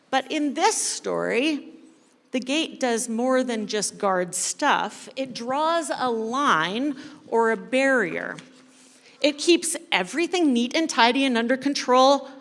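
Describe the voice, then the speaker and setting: Leading a church service as kids ministry coordinator, this woman tells an interactive story-sermon to her congregation in a fairly bright, higher-pitched voice. She takes her time, stays playful, speaks straight to listeners, and lets dramatic pauses hang. Long reverb fills the echoey church hall.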